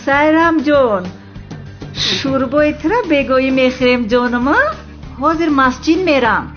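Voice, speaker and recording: A woman's voice: high voice, close to an everyday voice. An actress dubbing an anxious, fussing mother figure who dotes on the girls. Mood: fretful. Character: fretful older mother figure, doting. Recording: dull lo-fi with music.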